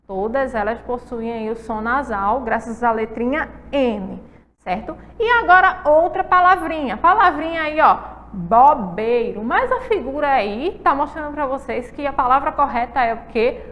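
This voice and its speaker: A woman teacher giving a lesson to young children, speaking slowly, asking them questions and repeating words for them. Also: high voice, fairly bright tone, long reverb tail, slight background noise. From Brazil. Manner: slow, coaxing, asks kids questions and repeats words.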